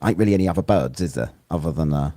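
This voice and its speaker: A man's voice: very deep voice, rapid-fire, warm tone, no room sound, studio quality. A man hosting a live stream, chatting casually and greeting viewers one by one. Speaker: livestream host reacting to a debate video.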